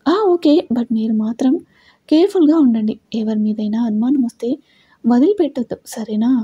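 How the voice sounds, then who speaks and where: A woman's voice: on the high side, normal speed, dark tone, husky, no echo, muffled recording. A woman voicing a worried young man who talks urgently, in a telling of a family story. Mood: firm, guarded. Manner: urgent, anxious.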